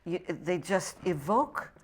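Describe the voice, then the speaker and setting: A woman's voice: lowish voice, animated, slow pace. A woman hosting a public-access poetry interview, encouraging her guest with frequent affirming murmurs. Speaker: host. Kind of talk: casual interview chat.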